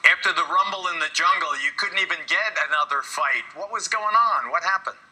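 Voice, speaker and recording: A man's voice: sits high, brisk, pushed and bright, breathy edge, low-quality recording. A man hosting a broadcast talk show, interviewing guests and introducing segments.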